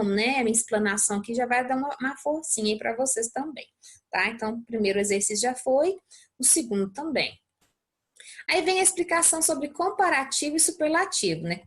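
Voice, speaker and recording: A young adult Brazilian woman teaching English, explaining a worksheet step by step and often checking in with her students. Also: sits high. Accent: Brazilian Portuguese. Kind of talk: recorded lesson walkthrough.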